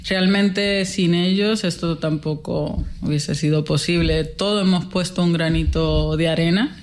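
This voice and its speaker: A woman from the Dominican Republic talks emphatically as a guest organizer in casual interview talk, repeating words for stress. Her voice is lowish and steady, at a measured pace.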